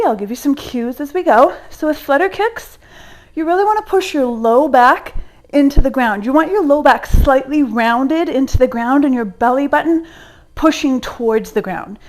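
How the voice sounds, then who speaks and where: A young woman leading a home workout, giving encouraging cues while exercising along, getting out of breath at times. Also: sits high. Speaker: fitness instructor.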